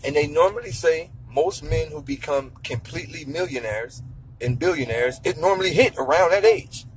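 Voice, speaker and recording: Speaking at normal speed in a voice on the high side, a man in his thirties delivers profane, no-nonsense money advice straight to camera. It's a casual motivational rant full of lecturing and repetition for emphasis, captured in a low-quality recording.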